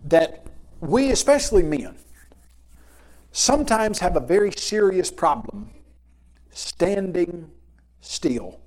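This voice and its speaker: A man teaching a Bible lesson in a conversational way, slowing down to stress key words. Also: on the high side, darkish tone.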